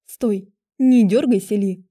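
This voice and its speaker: This is an audiobook character voice: a woman plays a stern, bossy witch who grumbles and hands out strict orders. Her voice is mellow and mid-range, and she speaks slowly.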